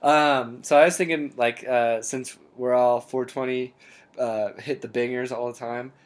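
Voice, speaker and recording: A young man hosting a podcast, riffing absurd jokes in a deadpan way and laughing often. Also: medium pitch, unhurried. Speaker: podcast host. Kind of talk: joking casual chat.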